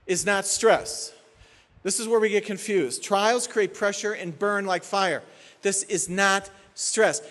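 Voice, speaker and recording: A high-voiced man preaches a sermon with a lively, dramatic delivery. He shifts from steady teaching into acted-out cries and prayers, and his voice carries a long hall reverb. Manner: animated, acts out prayers and complaints. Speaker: pastor.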